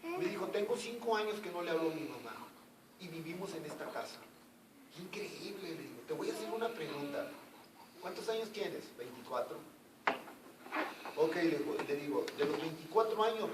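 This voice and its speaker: A male evangelist preaching a sermon, retelling a conversation with emphatic, animated questions. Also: sits high. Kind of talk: sermon with retold dialogue. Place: church sanctuary. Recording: echoey church from far off with noise.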